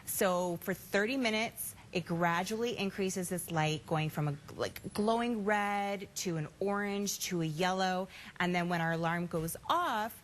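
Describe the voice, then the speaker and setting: A woman's voice: lowish voice, measured pace, few pauses, slight background noise. A woman as an expert guest on a shopping channel, giving an upbeat, conversational product demonstration.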